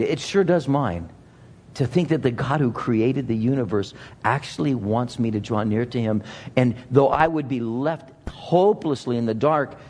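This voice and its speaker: A man's voice: medium pitch, darkish tone, a little hiss or hum. A man preaching a sermon as a pastor, speaking earnestly and repeating phrases for emphasis. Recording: reverberant large hall.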